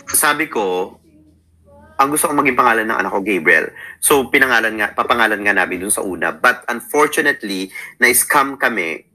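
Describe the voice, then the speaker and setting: A man's voice: lowish voice, pushed and bright, low-quality recording. A man in his thirties with a Filipino accent, telling his life story in a casual chat. He sounds sleepy and keeps quoting what he and others said. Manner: storytelling, mixes Tagalog and English, quotes himself often. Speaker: interview guest.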